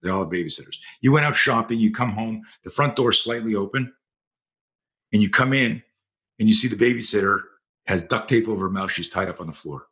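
With a fairly low, somewhat bright voice and a slightly fast pace, a man tells stories during a podcast interview. He is a self-defense instructor, and his tales are vivid, blunt and full of profanity.

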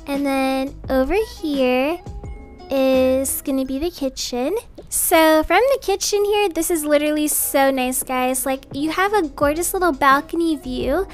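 Over soft background music, a woman speaks a little slowly in a high voice, playing a cheerful, talkative young mom in an improvised family roleplay. Her manner is casual, reassuring and gushing, and she comes across as admiring.

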